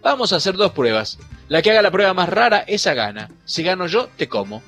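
A man's voice: sits high, sing-song, fairly quick, a bit bright, pitched above the performer's own voice, heavily acted. A man voicing a sly, mocking female snake in a storybook reading, teasing and sneering at her prey. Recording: faint music behind.

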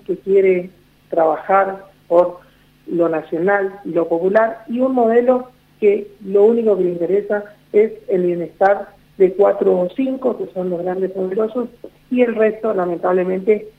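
Gravelly Argentine man on a phone line. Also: high voice, measured pace. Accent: Argentine Spanish. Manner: reassuring, repetitive, many fillers. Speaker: executive director of a health insurer, guest. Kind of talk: radio phone interview.

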